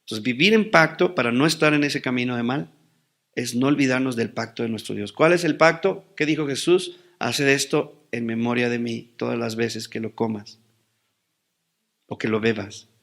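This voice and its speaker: A man's voice: mid-range voice, normal speed, gravelly, fairly bright tone. A man preaching a sermon as pastor, asking rhetorical questions and answering them with rising emphasis.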